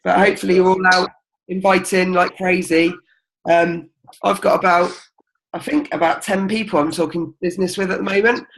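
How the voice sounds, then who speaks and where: A woman leads a team meeting indoors, talking in a chatty, encouraging way with plenty of ums. Her voice is lowish and steady at a moderate pace, though the audio quality is poor.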